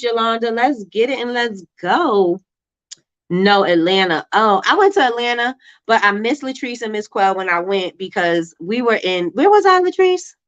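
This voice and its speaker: A woman with a Brooklyn accent chats informally on a livestream, at a medium pitch. She reads and answers comments in a loose, slangy way. The audio is slightly dull and lo-fi. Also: fairly bright tone. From Brooklyn, New York. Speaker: livestream host. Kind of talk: casual livestream chat, reading and answering viewer comments.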